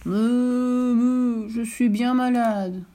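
A woman's voice: a little high, fairly even intonation, extremely slow, warm tone. A woman mooing as a sick, frightened storybook cow. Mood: sickly. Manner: long mooing, wailing when scared. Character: sick, greedy, fearful female cow.

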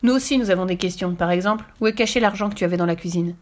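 A woman voicing a scheming male tramp and thief in a storybook reading, gruff and blustering. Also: fairly low pitch, very fast, close to an everyday voice. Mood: sly. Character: scheming male tramp and burglar, bossy then cowed.

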